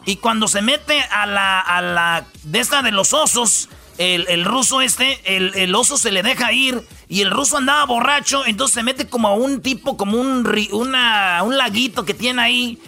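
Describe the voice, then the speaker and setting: A man's voice: very high voice, normal speed, sharp tone, soft background music. A man with a Mexican accent hosting a comedy radio show, telling stories in a rowdy, slangy, joking way. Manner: rowdy, joking, slangy storytelling with put-on voices.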